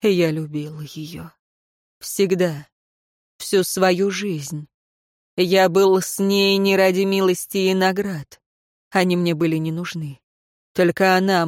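A woman voicing a bitter imprisoned nobleman, speaking slowly and coldly with mockery. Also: lowish voice, no room sound, studio quality. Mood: hushed grief. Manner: slow, cold, mocking.

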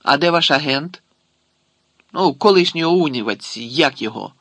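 A man's voice: on the high side, lively intonation, moderate pace, a bit bright, no echo. A man voicing a brusque, commanding Soviet security general who fires off curt questions.

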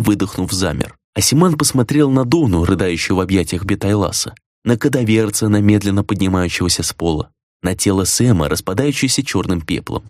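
A man narrating a fantasy novel in an expressive, dramatic reading. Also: lowish voice, no echo, studio quality. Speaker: audiobook narrator. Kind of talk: scripted narration.

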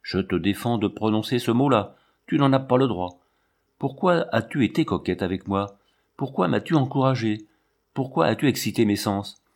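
A passionate, brutal young lion tamer in a storybook reading, as a man reads him. He speaks urgently in a low voice, pleading and demanding by turns. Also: expressive, moderate pace. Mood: heated.

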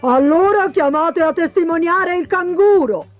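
A woman voicing a pompous pelican acting as prosecutor, speaking slowly and solemnly. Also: sits high, very animated, muffled recording, soft background music, pitched above the performer's own voice, exaggerated voice. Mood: solemn accusing. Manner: slow, solemn and accusing.

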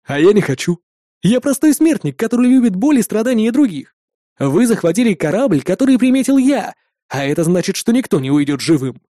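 Man playing cocky antihero, cold threats, lively swings in pitch, dry sound. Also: fairly quick, no echo. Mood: threatening. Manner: cold, threatening, barking orders. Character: cold, brash male antihero officer.

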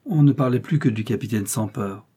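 Dark, husky male storyteller. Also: medium pitch. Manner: measured storytelling, lifting into quoted dialogue. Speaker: narrator. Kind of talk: audiobook reading of a short story.

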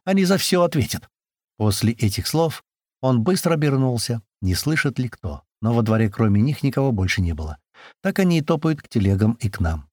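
A man reading a first-person audiobook aloud, brisk storytelling with voiced dialogue. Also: medium pitch, very animated, warm tone, no room sound, clean studio sound. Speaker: audiobook narrator.

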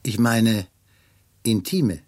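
A middle-aged actor playing a Scotland Yard chief inspector, asking probing questions in a dry, ironic way in a 1970s radio drama. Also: male voice, fairly low pitch, extremely slow.

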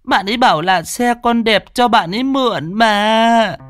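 Man playing a small scared boy, high and slow, stammering through tears, horror story. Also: a bit bright, faint music behind. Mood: tearful. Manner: stammering, tearful. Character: frightened little boy.

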